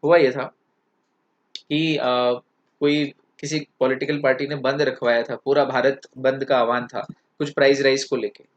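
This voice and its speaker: A man's voice: mid-range voice, flat delivery, moderate pace, dull audio. A man teaching an English lesson, explaining points with stories and examples and switching between two languages. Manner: storytelling with examples, mixing Hindi and English. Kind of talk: classroom lecture.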